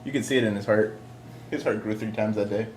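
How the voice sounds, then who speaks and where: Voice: medium pitch, steady tone, quick pace, a little mellow. A tabletop game player who banters with the group, laughing often and stammering through restarts. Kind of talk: casual tabletop game chat. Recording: echoey room, faint music.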